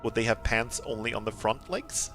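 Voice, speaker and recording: A man doing casual live gameplay commentary in an excitable, rambling, jokey way. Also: medium pitch, normal speed. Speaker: game streamer. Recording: game music behind the voice. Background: video game music.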